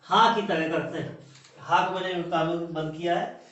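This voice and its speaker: A man's voice: fairly high pitch, normal speed, fairly bright tone. A male teacher giving a classroom lecture, who repeats key terms and asks the class questions he then answers himself. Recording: echoey distant room, muffled.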